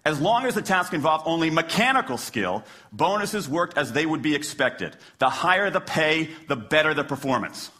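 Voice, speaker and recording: An American man delivers a persuasive talk with the fervor of a lawyer's passionate closing argument to a jury. His voice is fairly high and forceful, swinging widely in pitch. He leans on rhetorical questions and short, punchy phrases. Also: very animated, moderate pace. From Washington, D.C., United States. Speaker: public speaker, former lawyer. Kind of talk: persuasive stage talk to an audience.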